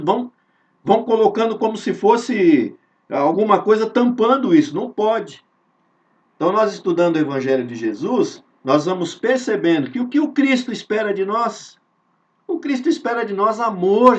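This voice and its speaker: A Brazilian man with a high, animated voice leads an informal spiritist study, earnestly repeating phrases, posing rhetorical questions, and drawing out key words for emphasis. He's heard over a video call, and the sound is dull, lo-fi, and distant.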